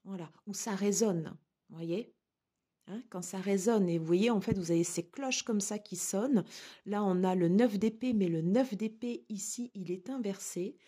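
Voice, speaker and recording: A woman giving a tarot card reading to her viewers, speaking gently and reassuringly with frequent hesitations. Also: medium pitch, normal speed, slightly rough. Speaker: tarot reader.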